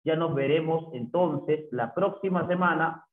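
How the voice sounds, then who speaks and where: Male teacher, slow drawn-out delivery, tinny phone-like sound in a roomy echo. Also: on the high side. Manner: slow, repeats answers, adds "¿no?" tags. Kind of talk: recorded language lesson. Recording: echoey, phone-like lo-fi audio.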